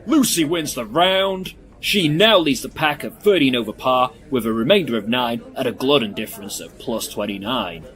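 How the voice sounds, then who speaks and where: A man's voice: fairly low pitch, a little fast, hardly any pauses, close to an everyday voice. A British man playing a hyped sports co-commentator in a comedy sketch, calling an eating contest with big exclamations. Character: male sports co-commentator Dan, excitable and hyperbolic.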